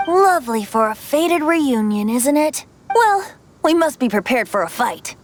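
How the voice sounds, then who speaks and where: A woman's voice: high voice, sing-song, measured pace, slight background noise. A woman voicing a playful, whimsical young male bard with a theatrical, teasing lilt, in an anime video game. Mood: thoughtful. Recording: music behind the voice.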